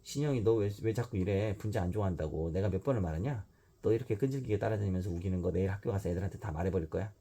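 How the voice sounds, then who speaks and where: A man's voice: low voice, racing, warm tone. A man voicing a prickly, defensive schoolchild who snaps at a classmate, in a raised, childlike voice. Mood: flustered. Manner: snappish, irritated.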